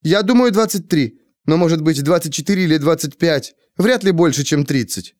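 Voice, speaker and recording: A man's voice: on the high side, a little mellow, no room sound, studio quality, voice pushed up, lightly acted. A man voicing an anxious, rambling young woman in her twenties who frets and wails. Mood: flustered. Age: 20s. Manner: frantic, fast, wailing.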